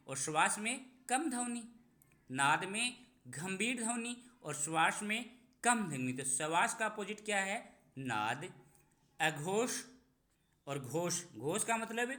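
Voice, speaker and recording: A man teaching a Sanskrit exam-prep lesson, explaining slowly and repeating key terms with stress. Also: on the high side, sharp tone. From Rajasthan, India.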